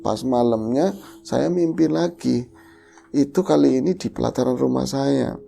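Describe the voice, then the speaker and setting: A woman host retelling a listener's ghost story in the first person, lively and animated, acting out the quoted voices. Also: rumbling low, normal speed, creaky, faint music behind. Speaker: horror story podcast host.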